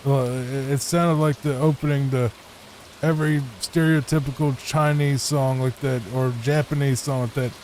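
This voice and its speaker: A man with a Virginia accent giving soft, rambling gameplay commentary meant to help listeners sleep, recorded on a microphone in a home room. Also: medium pitch, fairly even intonation, moderate pace, slight background noise, rough recording. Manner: laid-back, rambling. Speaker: gameplay channel host. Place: home room, not a booth. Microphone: studio microphone with added EQ.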